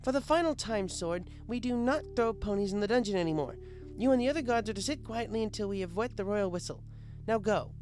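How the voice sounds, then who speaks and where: Man voicing Princess Luna, high-pitched imperious pony royal. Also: animated, brisk, a little mellow, faint music behind. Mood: exasperated. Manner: formal, archaic, imperious. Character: haughty pony princess, female, archaic royal speech, easily exasperated.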